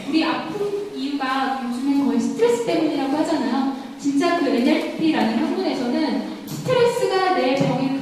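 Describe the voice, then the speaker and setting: Woman in her 30s giving a lecture, high voice, chatty with the crowd, sounds far off in a big echoey hall. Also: a little hiss or hum. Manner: chatty, warm storytelling, asks the audience questions. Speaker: communication lecturer. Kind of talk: lecture with personal stories. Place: university lecture room.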